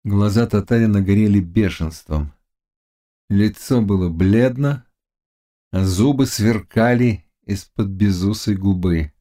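A man reading a classic novel aloud as an audiobook narrator, in a dramatic, measured manner. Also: on the low side, warm tone. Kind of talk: scripted literary narration.

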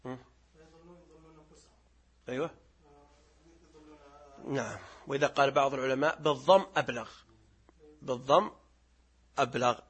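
A middle-aged man giving a religious lesson, explaining verses, reciting them slowly and quizzing his listeners. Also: mid-range voice, fairly bright tone, slightly rough. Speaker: sheikh teaching Quran commentary.

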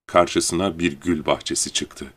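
A man narrating a storybook audiobook in a calm, even storytelling manner. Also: a bass voice, unhurried.

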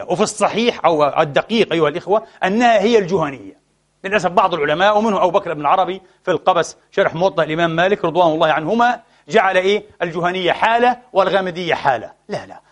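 A man preaching an impassioned sermon, addressing his listeners as brothers and swinging between soft and loud delivery, saddened and frustrated. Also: high voice. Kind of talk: Friday sermon.

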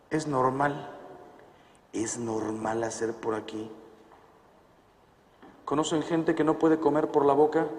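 A Mexican priest in his fifties telling a story to an audience, acting out the dialogue and breaking into emphatic outbursts. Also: fairly high pitch. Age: 50s. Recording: echoey hall, long reverb.

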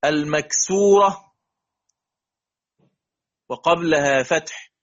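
A man with an Egyptian accent teaching Quran recitation in a classroom lesson, drawing out example words slowly and checking often that students follow. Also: on the high side, lo-fi sound. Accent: Egyptian Arabic.

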